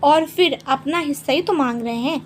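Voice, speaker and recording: A haughty elder daughter-in-law, as a woman storyteller puts her on, high-voiced and scornful. She snaps with greedy contempt in a family storybook. A faint hiss lies under her. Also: moderate pace, lightly acted. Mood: sulky. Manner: scornful, roaring.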